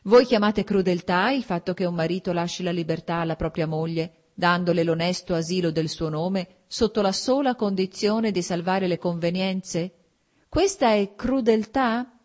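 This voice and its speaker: A woman voicing a cold, stern middle-aged husband who speaks in a shrill, cutting, hurried way in an audiobook. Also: darkish tone, lightly acted. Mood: shrill anger. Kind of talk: audiobook role voice.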